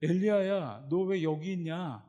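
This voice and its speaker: Preacher doing a patient God, gentle, questioning, fairly high voice. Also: male voice, a little slow, big-room sound, highs cut off. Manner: mild, questioning.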